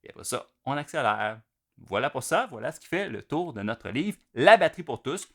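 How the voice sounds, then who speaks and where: Bright-voiced man teaching drums. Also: mid-range voice, big pitch swings, normal speed, gravelly. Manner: patient, step-by-step explaining. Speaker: drum teacher. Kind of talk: instructional video explanation.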